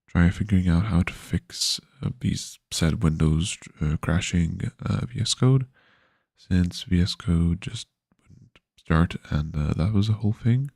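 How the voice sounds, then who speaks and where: A man's voice: low voice, gravelly, dark tone, no room sound, studio quality. A man streaming his game development work, talking casually and sleepily with many fillers and restarts. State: yawny. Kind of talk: casual live-stream devlog.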